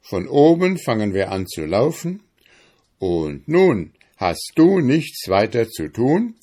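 A man's voice: mid-range voice, very animated, slow pace, warm tone. A man voicing a crafty, bossy male hedgehog in a fairy tale. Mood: scheming. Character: sly, gruff male hedgehog.

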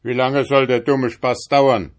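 A man voicing a grumpy, boastful male devil in a read-aloud fairy tale, talking in an impatient, shouting way. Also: medium pitch, very animated, measured pace. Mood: furious. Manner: shouting, ill-tempered and impatient.

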